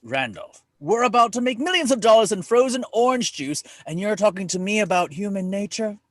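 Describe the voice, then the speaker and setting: Man playing a grumpy high-voiced old tycoon. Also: expressive, a little fast, dry recording, clean studio sound. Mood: irritated. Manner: curt, irritable, dismissive. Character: grumpy, greedy elderly male tycoon brother.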